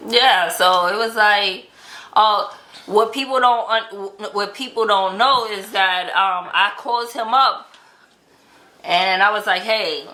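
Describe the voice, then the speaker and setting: Speaking slowly at a medium pitch, a woman recounts a relationship story from her life for her vlog, performing the quoted lines as she goes. Her delivery is pushed and bright, captured in an echoey, untreated room.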